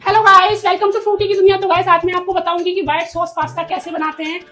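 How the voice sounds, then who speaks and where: A woman's voice: very high-pitched, flat delivery, fast, sharp tone, soft background music. A bubbly girl vlogger. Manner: bubbly vlog-style chatter. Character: chirpy young granddaughter cooking vlogger. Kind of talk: comedy sketch acting.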